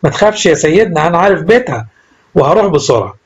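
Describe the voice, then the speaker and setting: A man's voice: fairly high pitch, big pitch swings, very fast, slightly rough, muffled recording. A man with an Egyptian Arabic accent voicing an irritable male church doorkeeper who grumbles and talks sarcastically. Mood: grumbling.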